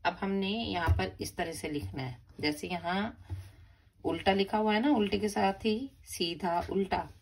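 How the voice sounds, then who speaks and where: Slow, patient woman teacher. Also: mid-range voice, husky. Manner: slow, patient, spells out words syllable by syllable; repeats and stresses each word for children. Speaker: primary school teacher. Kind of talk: online grammar lesson for young children.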